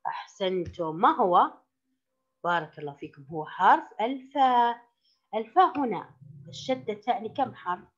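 A woman teacher giving a children's reading lesson, patiently repeating each word slowly for her pupils. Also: mid-range voice, animated, husky. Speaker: primary school teacher. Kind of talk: slow classroom reading lesson. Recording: slightly dull lo-fi recording.

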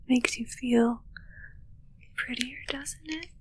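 A high-pitched woman with a steady tone, with slight background noise, whispers an ASMR roleplay close to the mic. She plays a haughty, fussy female witch caring for her undead familiar, murmuring in a slow, breathy, condescending way inside a small dark curtained room.

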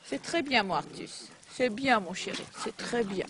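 A woman's voice: on the high side, lively intonation, unhurried. A woman in a garden talking to dogs, cooing soothing baby talk and now and then scolding them sharply. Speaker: dog carer. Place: garden outdoors. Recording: noisy outdoor recording with dogs. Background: dogs barking.

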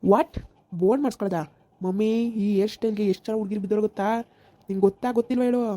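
A woman's voice: medium pitch, steady tone, rapid-fire, warm tone, close to an everyday voice. A woman playing a cocky young village son who boasts and begs his mother for money in a comedy skit. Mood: swaggering. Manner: swaggering, boastful, wheedling for money.

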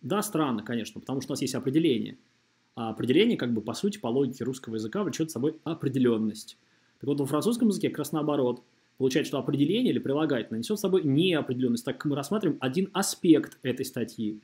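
A man teaching French over a screen recording speaks at a racing pace, his medium-pitched, darkish voice full of lively intonation. Even so, his explanations are didactic, and he models pronunciation carefully by drawing phrases out syllable by syllable.

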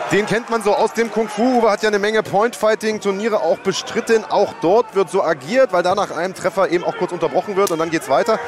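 A man leads live fight commentary in a high-pitched voice. He is informative and measured, drawing out key words for weight. A loud crowd and venue noise sit behind him. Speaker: lead commentator.

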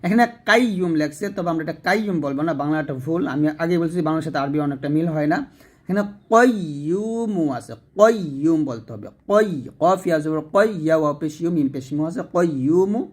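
A man with a fairly high voice and lively intonation leads a Quran recitation lesson, patiently explaining each letter. He then chants the phrases slowly, drawing out the long vowels so his listeners can repeat them.

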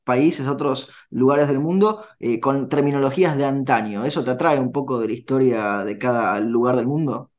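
A man's voice: medium pitch, moderate pace, few pauses. A man with a Rioplatense accent interviewing a guest on the radio, wording his questions carefully. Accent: Rioplatense Spanish.

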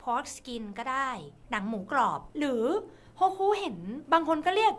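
Bubbly woman streamer, high voice, very lively pitch, giggly, teasing. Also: a little slow, background noise. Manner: giggly and bubbly, laughs often; playful, teasing. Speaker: virtual streamer. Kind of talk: casual chat reading fan lines.

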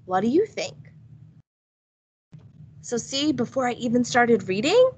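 A woman early childhood teacher giving a read-aloud lesson in an online meeting, expressive and questioning. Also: fairly high pitch, a little slow, slight background noise, poor audio.

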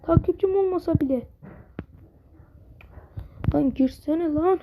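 A woman's voice: very high voice, slow. A woman giving casual, impatient gameplay commentary, exasperated and repeating words over and over. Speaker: mobile gaming channel host. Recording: dull lo-fi sound with steady background noise.

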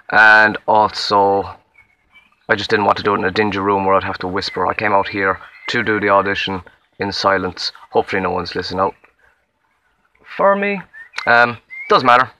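A man's voice: on the low side, normal speed, sharp tone, lo-fi sound. Young Limerick man rambling at audition. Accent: Limerick Irish. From Limerick, Ireland. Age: young adult. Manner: rambling, self-deprecating, with many fillers and restarts. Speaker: acting auditionee. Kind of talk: casual self-introduction to camera. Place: outdoors in a wood.

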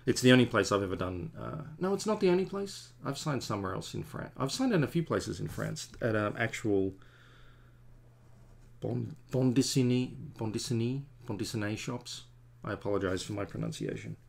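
A man in his forties, a comic artist, draws at home and rambles along to his stream audience, cheerfully putting himself down. Lowish and creaky, his voice has lively intonation and runs at normal speed.

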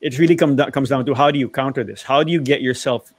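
A middle-aged motoring panelist speaks quickly at medium pitch during a relaxed discussion about driving. Calling in by video from his home study, he goes on at length and keeps starting sentences over; the audio has no room sound.

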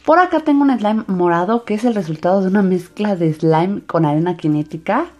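A woman's voice: medium pitch, animated, fairly quick, a little mellow. A woman narrating a hands-on craft video for children in an enthusiastic, sing-song way. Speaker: host of a slime craft channel. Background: background music.

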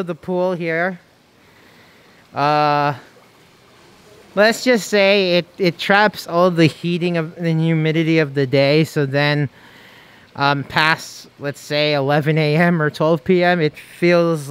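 A man's voice: fairly high pitch, clean tone. A man vlogging casually to camera outdoors at a beachfront table, chatty and playful, thinking aloud as he reviews food. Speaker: travel vlogger.

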